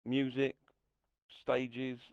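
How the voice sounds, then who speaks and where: A man's voice: mid-range voice, monotone, extremely slow, darkish tone, muffled recording. A man co-hosting a gaming stream, chatting with blunt, enthusiastic banter and mild swearing into a close headset mic. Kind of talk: casual chat on a gaming stream.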